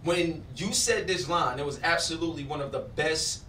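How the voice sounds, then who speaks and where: A man interviewing a guest in an excited, hyped way that jumps loud when he is amazed. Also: a little high, moderate pace, slight background noise. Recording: echoey room from far off.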